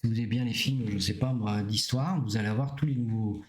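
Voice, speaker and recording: A man hosting a live stream, explaining in a casual, rambling way with many pauses and fillers. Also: lowish voice, a little mellow. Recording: echoey room.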